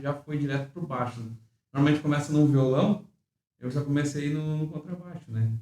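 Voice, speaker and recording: An older man, a church bassist chatting casually with many restarts and tag questions, recorded in an echoey room from a distance. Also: dark tone. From Rio Grande do Sul, Brazil. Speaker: church bassist and worship leader. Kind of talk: casual chat.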